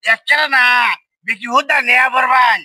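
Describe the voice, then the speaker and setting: A man acts out a town drunk in a village comedy skit, with a very high, piercingly sharp voice and a rural Bangladeshi accent. He whines and blusters, quarrelsome and demanding, in a dry recording. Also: steady tone, moderate pace, no echo, full character voice. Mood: whining, demanding.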